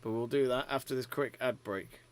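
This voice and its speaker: A man hosting a live snooker watch-along, giving measured, conversational play-by-play commentary. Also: mid-range voice, steady tone.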